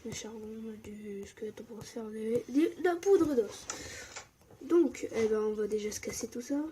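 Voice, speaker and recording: Excitable young woman gaming, mellow tone. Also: on the high side, moderate pace, slight background noise. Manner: excitable, often drops to a mumble or whisper. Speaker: gaming YouTuber. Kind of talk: casual Minecraft commentary.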